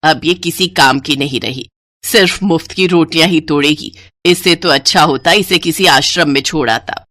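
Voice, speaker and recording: A woman voicing a harsh, scolding older mother-in-law in a cartoon story, with a low, scornful delivery. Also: normal speed, fairly bright tone, no room sound, studio quality. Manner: scornful, bossy.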